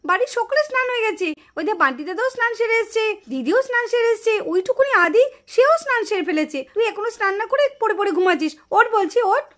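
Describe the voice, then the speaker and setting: A woman voicing an impatient, bossy mother doll in a puppet cartoon, scolding loudly and insisting. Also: extremely high pitch, expressive, fast, few pauses. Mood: coaxing.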